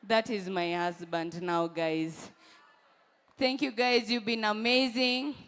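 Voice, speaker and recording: A woman's voice: medium pitch, fairly even intonation, takes it slowly, fairly bright tone, smooth, big-room sound. A woman in her twenties with a Kenyan accent doing stand-up comedy, teasing the audience and repeating lines for emphasis. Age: 20s.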